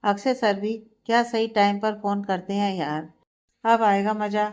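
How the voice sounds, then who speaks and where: A woman's voice: mid-range voice, steady tone, unhurried, darkish tone, smooth, lightly acted. A woman voicing a mischievous young woman who playfully teases her older sister, in a read-aloud storybook. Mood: teasing. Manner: playful, teasing.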